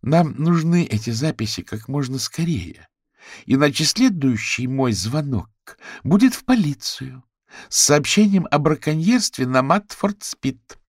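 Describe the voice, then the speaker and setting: A man voicing a calm, determined shop-owner woman in an audiobook, speaking firmly and matter-of-factly. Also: mid-range voice, normal speed, dry recording, studio quality, pitched above the performer's own voice, close to an everyday voice. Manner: firm, matter-of-fact.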